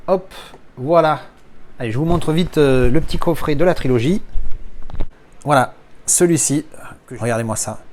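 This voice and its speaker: A man's voice: fairly high pitch, normal speed, pauses often, darkish tone, a little hiss or hum. A man from talking casually through an unboxing, rambling with frequent fillers and restarts. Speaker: collector unboxing films.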